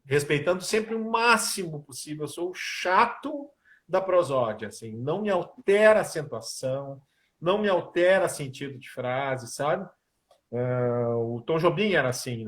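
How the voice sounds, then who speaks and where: A man, a musician and composer, talking casually in an interview and telling stories. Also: fairly high pitch. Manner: animated storyteller, sings snippets of lyrics.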